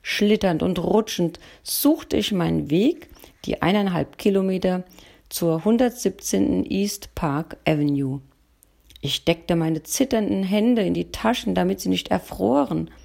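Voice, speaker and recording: A woman narrating a first-person story in a calm audiobook reading. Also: fairly low pitch, a little slow, creaky.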